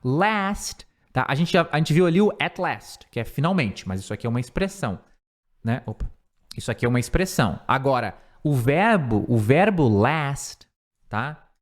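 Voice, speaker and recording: A man with a Brazilian Portuguese accent, an English teacher who explains grammar and repeats words slowly for pronunciation. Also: medium pitch, animated.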